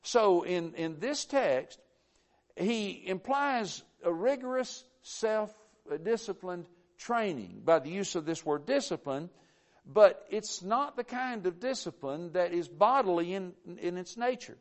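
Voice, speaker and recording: A man preaching a sermon, earnest and emphatic, with frequent halting restarts. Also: high voice, expressive.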